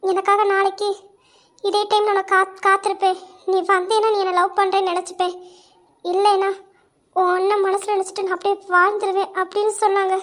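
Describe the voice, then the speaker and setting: A woman's voice: extremely high pitch, level tone, fairly quick, a bit bright. A woman voicing Asha, a torn young village woman who stammers and pleads in an amateur audio drama. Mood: hesitant.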